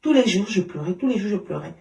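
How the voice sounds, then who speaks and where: Woman telling her story in an interview, halting, lots of restarts, voice sits back from the mic in a roomy space. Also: medium pitch, lively intonation, vocal fry, mellow. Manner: emotional, halting storytelling with many fillers and restarts. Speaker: interview guest. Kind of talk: personal testimony in conversation. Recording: roomy sound from a distance.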